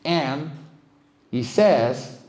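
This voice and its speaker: In an echoing indoor venue at an evening meetup, a man in his forties, a monster voice actor and vocal coach, delivers a relaxed, joking, self-deprecating guest talk to a live audience. His fairly high voice is animated but very slow, with heavy background noise.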